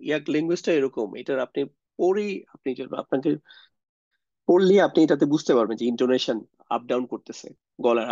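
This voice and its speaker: A man's voice: medium pitch, a little mellow, dry recording. Young man, grammar teacher, explains step by step, rhetorical questions, dry and slightly muffled sound. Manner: explanatory, mixes English words, asks rhetorical questions. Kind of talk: lecture on Arabic grammar.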